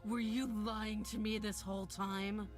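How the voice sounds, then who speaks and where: An actress plays a wounded, feral princess in a video game. She is vengeful and threatening, with a slow, menacing delivery at middle pitch. Music sits faintly behind her. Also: little pitch movement, lightly acted. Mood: bitter, threatening.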